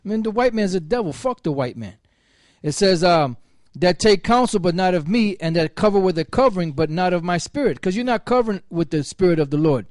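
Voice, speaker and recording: A man reading a Bible passage aloud and scolding his critics, pausing often with fillers. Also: high voice, lively intonation, a little mellow, dry recording, studio quality. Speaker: speaker in a religious open forum. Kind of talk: reading scripture with commentary.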